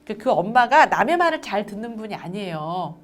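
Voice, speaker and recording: A woman's voice: medium pitch, sing-song, brisk. A middle-aged woman giving a lecture to adoptive parents, acting out little dialogues between parent and child as she explains.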